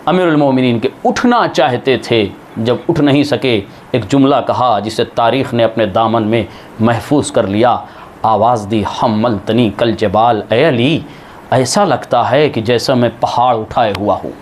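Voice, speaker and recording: A man delivering a Muharram sermon as a religious scholar, reciting dramatically and acting out quoted speech with sudden high swells. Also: a little hiss or hum.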